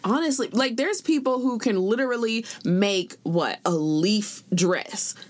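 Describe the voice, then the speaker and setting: A young woman in her twenties co-hosting a podcast in casual chat, sassy and expressive, full of slang. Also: medium pitch, a little slow. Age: 20s. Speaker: podcast co-host.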